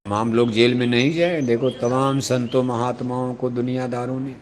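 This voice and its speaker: A man preaching a devotional sermon into a microphone, firing off rhetorical questions and leading the crowd in shouted call-and-response. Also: medium pitch, steady tone, normal speed, a little hiss or hum. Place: open gathering before a large audience.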